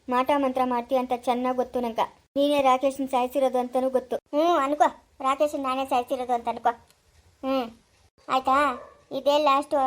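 A woman's voice: sits high, lightly acted, poor audio. A woman playing a threatening witch in an amateur village drama, speaking in a cold, commanding way. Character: menacing woman, a witch who threatens and curses.

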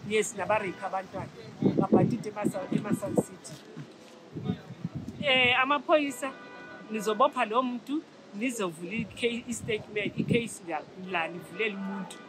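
A woman's voice: medium pitch, a little fast, music in the background, rough recording. A South African woman from a community patrol, speaking emphatically in a street interview outdoors, talking through a face mask. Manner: emphatic, mixes English into her speech. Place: outdoors on a busy city street. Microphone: camera mic, subject wearing a face mask. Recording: loud street noise.

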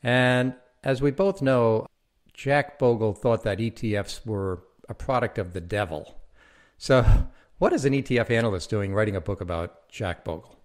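A man hosting a podcast interview, reading a prepared introduction and then asking plain, measured questions. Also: on the low side. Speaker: podcast host.

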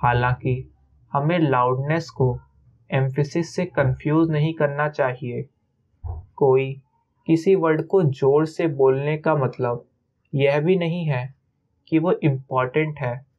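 A man narrating a self-help audiobook in a measured, explanatory way, speaking in short phrases and addressing the listener directly. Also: a little high, steady tone, darkish tone. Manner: measured, slow delivery in short phrases with frequent pauses; conversational, mixing in English words and asking the listener direct questions. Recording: slightly muffled lo-fi recording.

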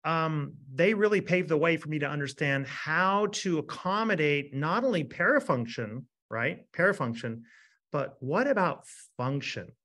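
A man in his fifties gives an energetic webinar lecture as a dentist. His voice sits fairly high and he keeps checking in with the listeners by asking "right?". He sounds animated throughout. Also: moderate pace, few pauses. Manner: animated, asks rhetorical "right?" often.

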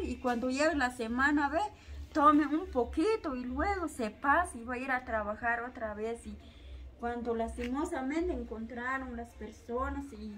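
Woman, high voice, halting and repetitive, personal testimony. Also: fairly bright tone. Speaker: interviewee, mother.

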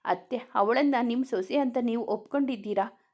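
A woman performs the part of a jealous young woman who is pleading. Her voice is fairly high and darkish, close to how she normally talks, delivered at a moderate pace.

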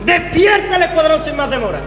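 A pompous, patriotic captain, acted by a man declaims in a comic stage play. The voice is very high and sharp. It echoes around a hall with a faint hum. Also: very animated, fairly quick, full character voice. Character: pompous, short-sighted patriotic army captain. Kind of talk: comic stage sketch in rhyme. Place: theatre stage, far camera.

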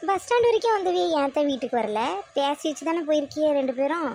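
A woman voicing an impatient young daughter-in-law in a family cartoon, sharp and argumentative. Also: high voice, sing-song, fast. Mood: arguing.

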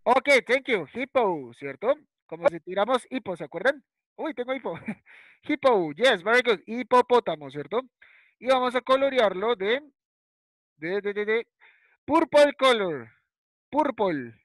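Speaking in a high, sing-song, slightly bright voice, a man takes his time guiding a first-grade English lesson over video, switching between Spanish and English. He patiently repeats words and tags his lines with ¿cierto? or ¿listo?, as a primary school English teacher would. It's a dry, rough recording.

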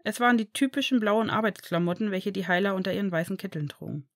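A woman reading a fan fiction story aloud in an even storytelling manner. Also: mid-range voice, quick pace, no room sound, clean studio sound. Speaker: audiobook reader.

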